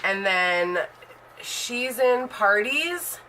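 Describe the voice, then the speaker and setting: A woman's voice: medium pitch, animated, drawn-out words, very noisy. A woman in her thirties talking casually in a vlog about her makeup collection, rambling and full of fillers. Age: 30s. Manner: rambling and chatty, heavy on fillers. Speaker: beauty vlogger.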